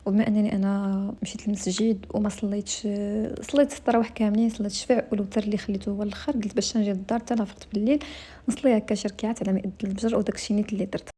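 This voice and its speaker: A woman's voice: medium pitch, mellow, husky. A woman with a Moroccan accent chatting casually to her viewers as a vlogger and giving them advice. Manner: chatty, advising viewers directly. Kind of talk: casual chat.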